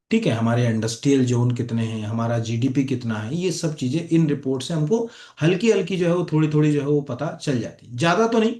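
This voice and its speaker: A man's voice: fairly high pitch, darkish tone, roomy sound. A man teaching an exam-prep lesson over on-screen slides, in a loose conversational way, often checking in with "okay?" and "right?". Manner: conversational, repeats fillers like "ठीक है" and "है ना". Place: academy classroom or studio.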